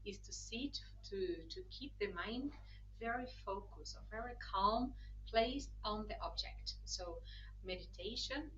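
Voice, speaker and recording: A woman from Brazil speaks English as interpreter for an online session. Her voice sits at an ordinary middle pitch. She explains carefully, restarting phrases and checking in, over slightly muffled call audio with a faint hum. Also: measured pace, a bit bright.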